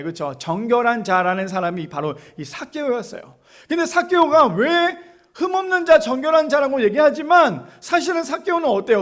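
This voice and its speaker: A man delivers a sermon in a church with an unusually high voice. He speaks in a chatty, easygoing way and keeps putting rhetorical questions to his listeners. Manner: conversational, asks the congregation rhetorical questions. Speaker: pastor.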